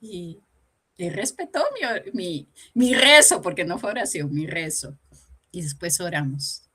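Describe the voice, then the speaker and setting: A woman's voice: fairly low pitch, sing-song, unhurried, breathy edge. A woman giving a personal testimony during a church Bible lesson, telling her story animatedly and acting out the dialogue.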